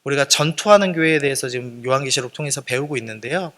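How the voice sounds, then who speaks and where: A man's voice: mid-range voice, quick pace, a bit bright, long reverb tail. A male pastor preaching a sermon, earnest and explanatory, turning to the congregation with conversational asides and questions.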